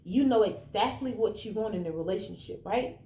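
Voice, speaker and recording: A brisk, warm, mid-range woman's voice belongs to an American woman around thirty-one. In an informal monologue, she hands the listener blunt, casual, emphatic relationship advice. The room is echoey, with faint background noise.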